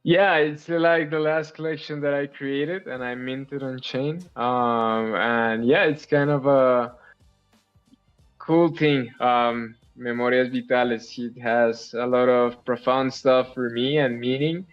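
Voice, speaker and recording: A man talking as a guest artist, enthusiastic and quick to repeat himself, with "like" dotted through his speech. His voice sits in a middle pitch. The sound is dull and lo-fi, with faint music playing behind him. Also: fairly even intonation. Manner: enthusiastic, repeats words, fillers like "like". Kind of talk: casual interview conversation.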